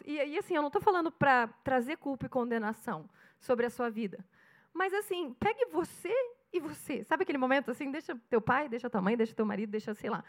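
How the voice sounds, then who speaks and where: A woman pastor in her thirties from Brazil with a Curitiba accent, preaching a sermon and acting out little dialogues as she tells stories. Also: sits high. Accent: Brazilian Portuguese, Curitiba. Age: 30s. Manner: animated storytelling, acting out dialogue.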